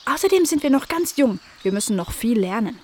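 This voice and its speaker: A woman's voice: on the high side, very animated, a little fast, darkish tone, slight background noise. A woman voicing a chatty young female twin cat.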